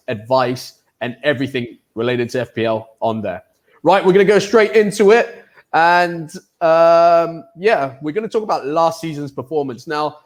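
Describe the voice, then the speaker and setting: A man from the UK, hosting a casual online football chat show in a chatty, upbeat way with many fillers. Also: medium pitch. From United Kingdom. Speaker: host and football pundit.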